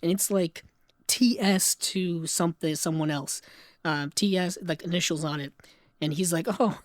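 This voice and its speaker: A man co-hosting a casual film podcast, retelling scenes with lively put-on voices. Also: fairly high pitch, dry recording. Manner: animated, acts out scenes in quick put-on voices. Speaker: podcast co-host.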